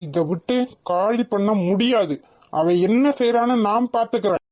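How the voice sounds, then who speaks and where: A woman's voice: mid-range voice, normal speed, very noisy, lightly acted. A woman voicing a scheming, boastful, wealthy middle-aged father in a cartoon. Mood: smug. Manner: boastful, dismissive. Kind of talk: animated cartoon voice acting.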